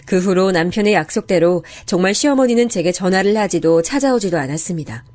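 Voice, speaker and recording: Woman narrating a family story. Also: mid-range voice. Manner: soft, steady first-person storytelling.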